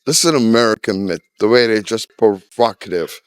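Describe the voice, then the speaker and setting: A man in his sixties, originally from Trinidad and Tobago, gives candid, opinionated answers in a casual street interview, saying "you know" a lot. His voice is fairly low and clean, a little fast, with no echo.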